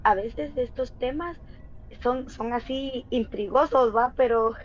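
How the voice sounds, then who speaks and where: A woman's voice: a little high, slow. A woman, earnestly telling a personal story as a guest and speaking straight to her listeners. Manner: earnest, often addresses listeners directly. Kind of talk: casual storytelling. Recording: dull lo-fi sound.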